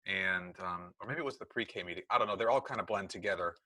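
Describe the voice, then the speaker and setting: On a video call, the meeting leader, a middle-aged American who handles school technology, chats and explains while frequently correcting himself. He speaks quickly with a sharp tone, his voice sitting low, and the recording is dry.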